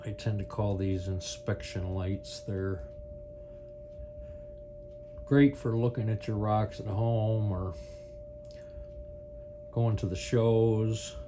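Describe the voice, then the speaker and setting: His voice is lowish and slow, broken by long pauses, as he gives a casual product demonstration without a script, rambling and thinking out loud for his review video. A steady hum and background noise sit beneath the clear recording.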